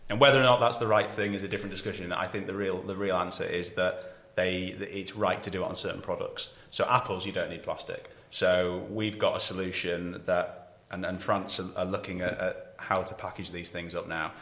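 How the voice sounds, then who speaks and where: This voice belongs to a man with a low, deep voice who talks through packaging questions in an earnest, explanatory way. The chat feels relaxed and conversational, and a noticeable room echo hangs around every word. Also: fairly quick, hardly any pauses. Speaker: packaging expert. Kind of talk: casual podcast chat.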